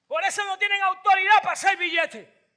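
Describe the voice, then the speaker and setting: A male pastor preaching a fiery sermon, shouting and calling on the congregation to respond. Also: very high voice, steady tone, brisk. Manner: shouting, call-and-response, mixes in English phrases.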